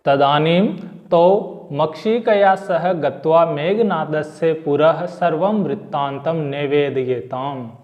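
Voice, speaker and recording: A man's voice: on the high side, takes it slowly. A man teaching a Sanskrit lesson, reading each word and explaining it, then restating the whole sentence. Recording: lo-fi with long reverb.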